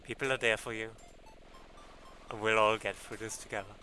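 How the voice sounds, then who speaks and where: A man's voice: fairly low pitch, fairly even intonation, moderate pace, sharp tone, slight background noise. A man streaming a game and chatting offhand to his viewers over a livestream headset, in a wry, casual way. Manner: offhand, wry, talks to chat while playing. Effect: livestream headset audio.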